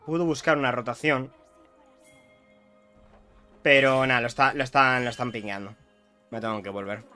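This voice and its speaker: A young man from Spain with a Spanish accent, chatting excitedly to viewers while commentating his own gameplay. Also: mid-range voice, normal speed, clean tone, soft background music. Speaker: streamer playing a video game.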